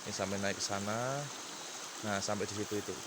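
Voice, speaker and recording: Young man, lowish voice, halting casual night-vlog talk, clear noise of insects and stream outdoors. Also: little pitch movement. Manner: halting, repeats words and searches for them. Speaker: vlogger, local guide. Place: outdoors at night beside a rural river. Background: crickets, insects, running stream.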